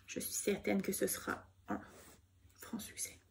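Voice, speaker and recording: A woman with a Québécois accent chatting casually about her knitting projects, soft-spoken and gushing, with many fillers. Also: unhurried, whispered. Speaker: knitting vlogger. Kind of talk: casual show-and-tell chat.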